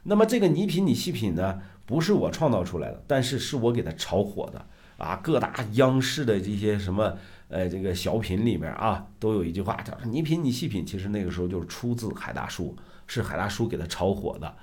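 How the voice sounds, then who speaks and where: A man's voice: lowish voice, big pitch swings, a little fast, a little mellow. A middle-aged man hosting his own show, explaining short-video strategy in a casual lecture style with emphatic asides and rhetorical questions. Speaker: self-media coach, show host.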